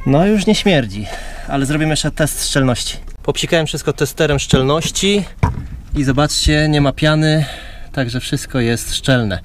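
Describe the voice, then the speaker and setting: A man's voice: on the high side, a little slow, a little hiss or hum. A man vlogging at a campsite, explaining each step to his viewers in a casual, chatty way. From Poland. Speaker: vlogger and father. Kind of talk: casual how-to vlog narration. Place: outdoors at a campsite beside a caravan.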